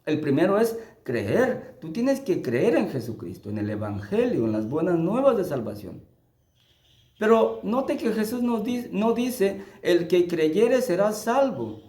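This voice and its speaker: A man teaching the Bible in a sermon style, emphatic, lifting his voice for scripture and dropping low to press a point. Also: huge pitch swings, unhurried, dark tone, echoey room. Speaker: preacher.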